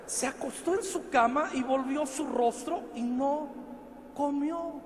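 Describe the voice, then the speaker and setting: A Mexican man preaching a sermon, swinging from quiet asides to shouted lines. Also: very high-pitched, a little slow, long reverb tail, slight background noise. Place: large church hall.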